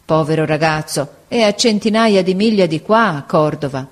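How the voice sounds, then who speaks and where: A woman voicing a kindly older gentleman. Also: low voice, normal speed, close to an everyday voice. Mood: pitying. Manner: calm, compassionate and resolute. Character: kindly older bearded man, Spanish-speaking.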